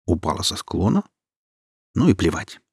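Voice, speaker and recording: A man voicing a cold, mocking young woman in a husky voice, speaking with scorn. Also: low-pitched, sing-song, moderate pace, darkish tone, no room sound, clean studio sound, full character voice. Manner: scornful, biting.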